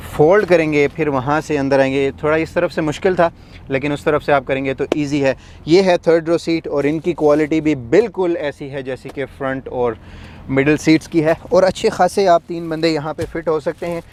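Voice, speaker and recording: A man's voice: fairly high pitch, darkish tone. Man casually explaining, faint noise. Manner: explains by demonstrating, many fillers. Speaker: car reviewer. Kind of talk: casual walkaround review. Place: inside a large SUV.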